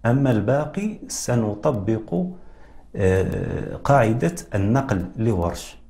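A man hosting a televised lesson on Quran recitation, explaining rules in a measured way and addressing viewers directly. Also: on the low side, expressive, vocal fry, mellow. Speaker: Quran recitation teacher, TV host.

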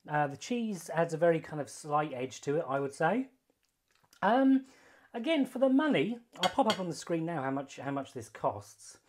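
A man's voice: fairly high pitch, big pitch swings, normal speed, a little hiss or hum. A young British man in a home kitchen, chatty and self-mocking, swearing and using slang while he cooks. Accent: British English. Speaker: cooking vlogger. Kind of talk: casual cooking review. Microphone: phone camera filming hands.

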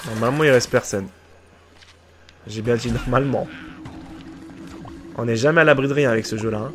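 A man giving let's play commentary on a shooter game, excitable and joking as he mocks opponents and chats with his viewers. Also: mid-range voice, a little fast, soft background music. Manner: excitable, joking, teasing the enemy players; chatty with viewers. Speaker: gaming video creator.

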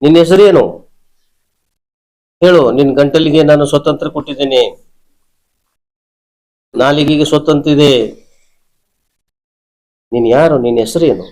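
This spirit healer, a man with a slightly high, darkish voice, speaks a little slowly and steadily with long pauses, and the audio is poor. Leading a ritual session, he hammers away with brief commands and questions, repeating them without letup.

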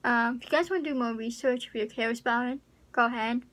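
Speaking quickly in a somewhat high, fairly bright voice, a young woman chats casually on her YouTube vlog, rambling, unsure and leaning on lots of fillers. Her webcam sits close in a small pink bedroom. An AC unit hums audibly in the background of the home recording.

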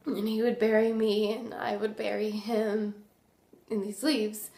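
A young woman acting a remorseful recovering addict in a dramatic monologue, halting and full of tragic sorrow. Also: medium pitch, level tone, warm tone, natural voice. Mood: wistful, halting sorrow. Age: young adult. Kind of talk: dramatic monologue, naturalistic confession. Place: small indoor room. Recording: roomy echo.

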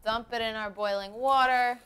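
A woman's voice: a little high, steady tone, normal speed, fairly bright tone, smooth. A young woman hosting a cooking show in a home kitchen studio, chatting upbeat as she explains each step. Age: young adult. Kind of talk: casual cooking demonstration.

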